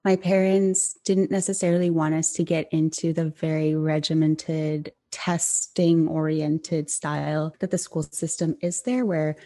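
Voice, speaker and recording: A woman from Japan, a podcast guest telling her story in a thoughtful, unhurried way. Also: sits low, little pitch movement, dark tone. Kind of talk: podcast interview.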